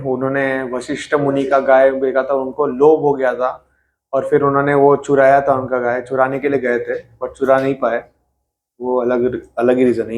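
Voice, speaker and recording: A man leads an interactive scripture class at a medium pitch. He is conversational, slips English phrases into his talk and keeps asking his listeners questions. The recording is echoey and roomy. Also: a little mellow, slight background noise. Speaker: devotional class teacher. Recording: echoey room.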